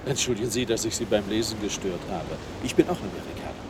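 An actor playing a talkative, over-friendly American tourist in a radio play. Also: male voice, fairly low pitch, fast, background noise, close to an everyday voice. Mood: jovial. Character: chatty middle-aged American tourist man.

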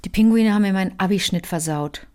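A woman's voice: mid-range voice, fast talker, darkish tone. A woman co-hosting a casual chat, often laughing and poking fun at herself. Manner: laughs often, self-deprecating. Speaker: podcast co-host.

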